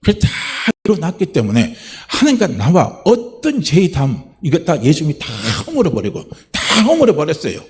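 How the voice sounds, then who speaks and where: A middle-aged male pastor delivers a sermon with a fairly high voice that swoops up and down with lively emphasis. He keeps asking the congregation questions and answers them himself. He also slips into the voices of the people he quotes. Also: normal speed, few pauses. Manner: animated preaching with rhetorical questions to the congregation; acts out quoted voices in a raised tone.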